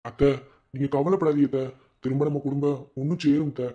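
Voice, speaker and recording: A man's voice: mid-range voice, steady tone, fast talker, mellow, natural voice. A man voicing a middle-aged village man in a cartoon, earnestly reassuring his family, with a Madurai Tamil accent. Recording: dull lo-fi audio.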